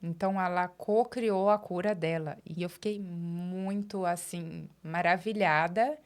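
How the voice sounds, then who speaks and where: Low-voiced Brazilian woman telling her story. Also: unhurried. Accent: Brazilian Portuguese. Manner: animated, acts out quoted dialogue. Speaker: interview guest. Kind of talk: casual storytelling interview.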